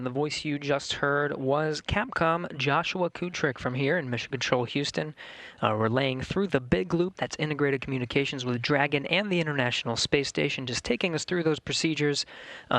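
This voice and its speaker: Mission commentator, close dry sound. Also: male voice, mid-range voice, fairly bright tone, no room sound. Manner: measured, explanatory. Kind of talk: live spaceflight commentary.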